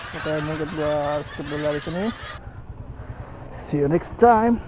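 On a motorcycle along a tree-lined road, a young man from Indonesia vlogs in an unhurried, fairly high voice, slangy and joking with frequent laughter. The low-quality audio comes from a helmet-mounted action camera mic, with wind and engine noise.

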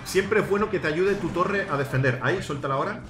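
A man giving excited gameplay commentary, coaching his teammates and shouting at big plays. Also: high-pitched, fast. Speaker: gaming YouTuber host. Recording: roomy sound with game music. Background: game music.

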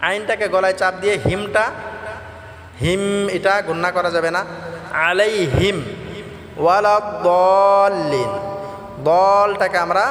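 High-voiced man teaching Quran recitation. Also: fairly even intonation, fairly bright tone. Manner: slow, drawn-out teaching; chants the verses. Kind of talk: tajweed lesson with chanted recitation. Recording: echoey hall with faint music.

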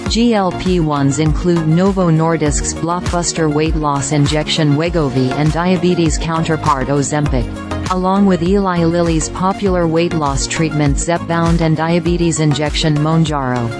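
A woman giving a scripted news narration in an even, measured newsreader delivery. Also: sits low. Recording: faint music bed behind voice-over. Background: faint background music.

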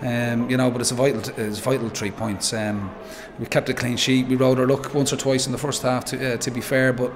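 A man in his forties with an Irish accent, a football manager giving a measured post-match interview, full of "um" and "you know". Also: mid-range voice, little pitch movement, noisy background. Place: pitchside interview backdrop, noisy. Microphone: handheld interviewer mic.

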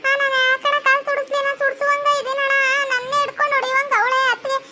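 A woman's voice: very high-pitched, monotone, fast, pushed and bright, soft background music, full character voice. A woman voicing a sly, bossy young sister-in-law who schemes and threatens, with a North Karnataka Kannada accent.

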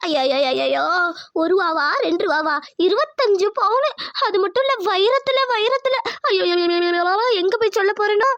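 A woman's voice: extremely high pitch, normal speed, fairly bright tone, muffled recording. A woman voicing a fretful, greedy middle-aged village mother in a cartoon, wailing and grumbling in self-pity. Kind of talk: cartoon voice acting.

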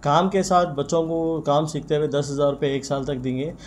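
A man's voice: a little high, fairly quick, slight background noise. A young man, a shop owner talking earnestly to press mics, often adding blessings. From India. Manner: earnest, frequent religious blessings. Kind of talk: press interview. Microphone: bunch of press mics on table.

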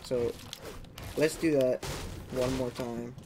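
A young man giving a casual gameplay walkthrough as the channel's creator, chatty, often checking in with "okay?" and adding "boom" sound effects. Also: fairly even intonation, slow, background noise. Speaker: gaming tutorial creator.

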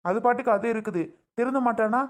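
Guy playing a gruff angry dad, snaps at his wife, sticks up for his daughter. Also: extremely high pitch, fast. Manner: gruff, scolding. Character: gruff father defending his daughter, quick-tempered. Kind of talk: family drama skit.

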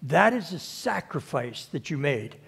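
Slow-speaking pastor preaching a sermon. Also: male voice, a little high, very animated, creaky, a bit bright, husky. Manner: unhurried, with frequent restarts and repeated words. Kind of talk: conversational sermon. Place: church service.

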